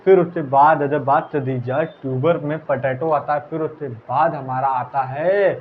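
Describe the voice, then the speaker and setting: Male teacher, casual revision lecture, slightly high voice, tinny phone-line sound. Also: fairly even intonation, moderate pace. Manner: casual, repeats answers, calls listeners brother. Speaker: biology teacher. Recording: tinny phone-like audio, faint hiss.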